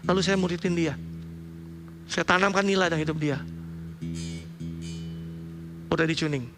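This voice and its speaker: A man with an Indonesian accent preaching a sermon as pastor, in a lively conversational style with slangy asides. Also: on the high side, normal speed, over music.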